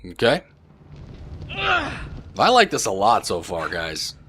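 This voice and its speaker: Animated young male game commentator. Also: on the low side, slow pace, a little hiss or hum. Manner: animated, joking, squeamish outbursts. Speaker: gaming commentator. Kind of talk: let's play commentary. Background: game audio.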